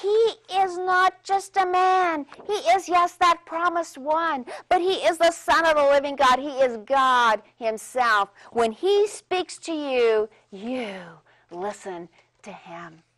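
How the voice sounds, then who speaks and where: A woman's voice: high voice, expressive, takes it slowly, a bit bright, full character voice. A woman voicing the voice of God speaking from a cloud in a children's Bible story, solemn and emphatic. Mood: commanding. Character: commanding divine male voice from a cloud.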